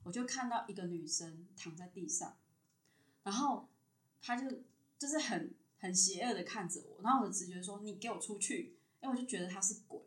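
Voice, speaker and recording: A woman tells a story in a lively, animated way, voicing the people in it. Her voice sits at a middling pitch. It is recorded in an echoey room. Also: brisk. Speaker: podcast guest. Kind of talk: casual storytelling chat.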